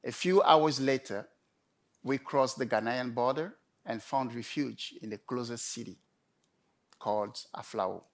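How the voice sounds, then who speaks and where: A man delivering a prepared storytelling talk in measured, emphatic short phrases with pauses. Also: mid-range voice. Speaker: conference speaker.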